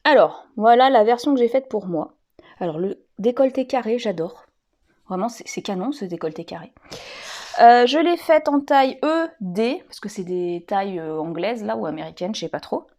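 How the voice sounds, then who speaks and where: A woman's voice: mid-range voice, expressive, normal speed, mellow. A woman, chatting casually and rambling a little as she shows her sewing projects. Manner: chatty, rambling, many fillers and restarts. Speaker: sewing vlogger.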